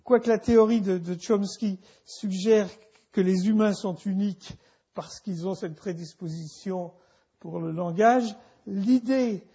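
A man delivers a university lecture at an unhurried pace, stopping and restarting his phrases again and again. His voice is husky and gravelly, sitting a little high. The recording is dull and lo-fi. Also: mellow. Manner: halting, many restarts and repeated words.

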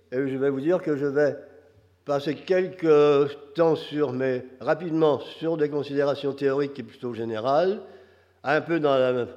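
An older man with a Quebec French accent gives an academic lecture, his voice hoarse and nasal from a cold, halting as he searches for phrasing. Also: medium pitch, a little mellow. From Quebec, Canada. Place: large reverberant lecture hall. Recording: muffled, very reverberant lecture hall.

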